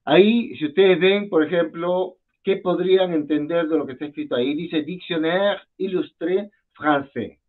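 A man's voice: a little high, moderate pace, hardly any pauses. Male teacher on a tinny video call. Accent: Peruvian Spanish. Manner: patient, repeats words, asks students questions. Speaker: French teacher. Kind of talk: online class teaching. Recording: phone-like video call audio.

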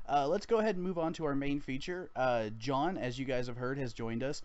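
A male podcast host talking casually about games in long, rambling sentences that often restart. His voice sits at a middle pitch. The audio is dull and lo-fi. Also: a little fast, darkish tone. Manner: rambling, restarts, laughs easily.

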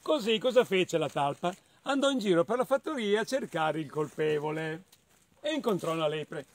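A man with a fairly high voice reading children's stories outdoors at a farm. He is playful and animated, and his pitch rises and falls in a lively, sing-song way. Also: normal speed, dry recording. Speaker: storyteller for children.

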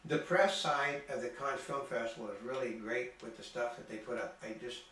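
An older man reporting on a film festival in casual chat, rambling and halting with many restarts. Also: medium pitch, a bit bright. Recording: echoey room from far off, faint ambience.

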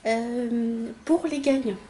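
A woman's voice: on the high side, fairly even intonation, mellow, a little hiss or hum. A woman YouTuber casually announcing giveaway winners, hesitant and full of fillers. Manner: slow, hesitant, many fillers. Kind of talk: casual vlog chat.

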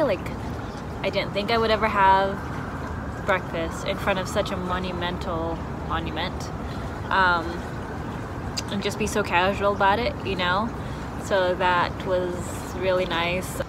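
A woman's voice: mid-range voice, very noisy. A young woman from Indonesia chatting casually to camera in a travel Q&A, full of ums and you-knows, filmed outdoors among trees. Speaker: travel vlogger.

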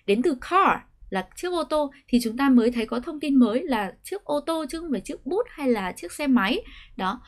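A woman with a Vietnamese accent gives a pronunciation lesson in a fairly high voice. She explains clearly and patiently, and she slows down whenever she models an English example sentence.

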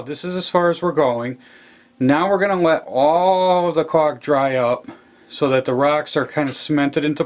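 A man casually narrating a step-by-step model railroad how-to while he works at his layout, repeating himself as he explains. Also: medium pitch. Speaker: model railroad hobbyist demonstrating. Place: hobby room at a model train layout.

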